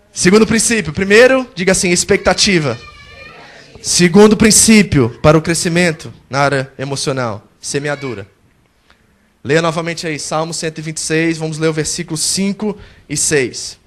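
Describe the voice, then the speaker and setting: A male pastor preaching a sermon at a church service, animated and acting out a believer's complaints. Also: a little high, normal speed.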